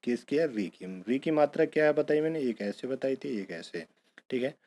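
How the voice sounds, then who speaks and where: A man's voice: medium pitch, animated, moderate pace, dark tone. A man teaching an exam-prep grammar lesson, who asks a question and then answers it himself, calling his students bhaiya and beta.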